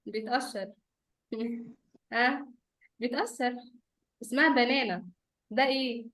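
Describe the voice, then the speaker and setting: High-voiced Egyptian woman teaching small children. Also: a little fast, low-quality recording. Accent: Egyptian Arabic. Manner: talking as to small children: simple questions, repeats, praise, coaxing. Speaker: teacher leading an online class of young children. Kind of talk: interactive lesson for small children. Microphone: computer or phone on a video call.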